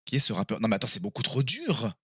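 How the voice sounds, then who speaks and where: A man's voice: mid-range voice, fast talker, breathy edge, dry recording. Guy streaming a quiz game live, gets all worked up and swears when stuck, voice jumps all over, dry close sound. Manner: excitable, exclaims and swears when stuck on answers. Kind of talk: casual live-stream chat while playing a quiz game with viewers.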